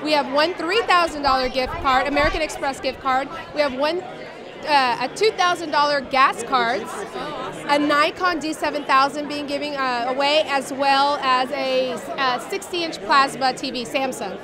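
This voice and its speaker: High-pitched woman explaining over crowd chatter. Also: moderate pace. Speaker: school fundraiser organizer. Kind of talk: informal interview, explaining details. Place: hotel event space. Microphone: handheld interview microphone.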